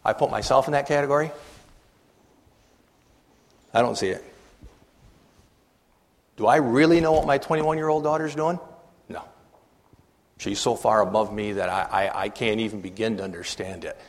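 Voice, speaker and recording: An older man speaking earnestly to a church meeting, halting and repeating words as he asks the audience questions. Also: lowish voice. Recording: long reverb of a hall.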